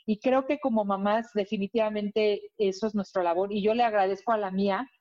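A woman's voice: mid-range voice, fairly even intonation, a little fast, darkish tone, lo-fi sound. A woman hosting a daytime talk show, chatting and thanking people. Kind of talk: casual chat.

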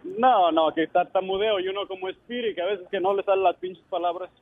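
A man's voice: high-pitched, fairly even intonation, a little fast, a little hiss or hum. A man calling a radio show, stammering and cursing, mixing Spanish with English. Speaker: caller. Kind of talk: casual phone-in chat. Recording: tinny phone line.

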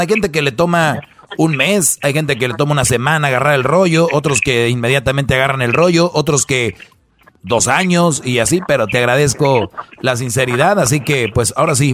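A man's voice: mid-range voice, fairly quick, a bit bright, a little hiss or hum. A man hosting a radio advice show, talking conversationally and opinionatedly, repeating points and posing rhetorical questions.

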